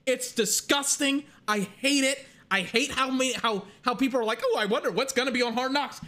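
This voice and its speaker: A young adult sports commentator launches into a heated, profane rant, talking fast and angrily. The voice is high-pitched and bright with a forceful tone.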